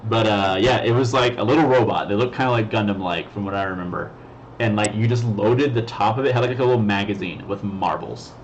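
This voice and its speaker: A man's voice: lowish voice, a little fast. A man co-hosting a casual hobby stream, chatting in a laid-back, slangy way and laughing often. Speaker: co-host. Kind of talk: casual chat. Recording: dull lo-fi sound, faint noise.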